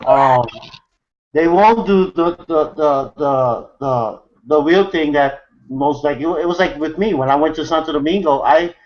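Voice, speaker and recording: A man with a high, light voice tells a long story in loose, casual talk, stopping and restarting often. His voice comes through a video call with muffled, lo-fi sound. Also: a little slow. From New York City, USA. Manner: rambling, many fillers and restarts. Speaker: host of an online hangout.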